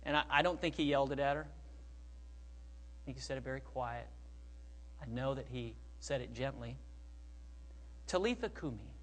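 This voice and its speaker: Middle-aged male preacher, raised pitch, dynamic sermon delivery from soft to forceful. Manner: swings from soft, hushed phrases to loud emphatic bursts. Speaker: pastor.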